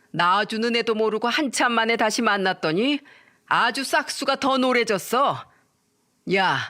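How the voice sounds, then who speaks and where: A woman playing a drunk, spiteful mother. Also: on the high side. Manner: taunting, contemptuous, yelling. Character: drunk, spiteful middle-aged mother, shrieking insults.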